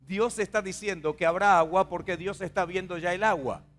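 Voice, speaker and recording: A man with a Rioplatense Spanish accent preaches to a congregation as a pastor, his voice high, fairly quick and slightly bright. His sermon is conversational and repetitive, and he keeps posing questions to the listeners.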